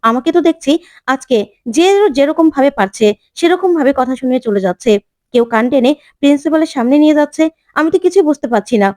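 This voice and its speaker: A woman's voice: high-pitched, lively intonation, fast, darkish tone, no room sound, studio quality. Aria: a woman doing a defiant young woman. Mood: indignant. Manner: indignant, argumentative. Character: defiant young woman, quick-tempered student.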